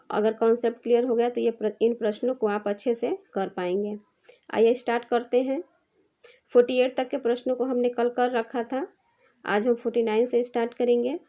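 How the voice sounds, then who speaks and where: Woman teacher doing exam prep, high voice but mellow, reads every question twice then goes over it patiently.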